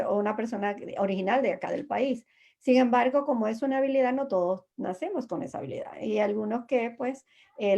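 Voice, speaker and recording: A woman's voice: mid-range voice, mellow, dull audio. A woman immigration lawyer giving patient, reassuring explanations as an interview guest, with many fillers and restarts.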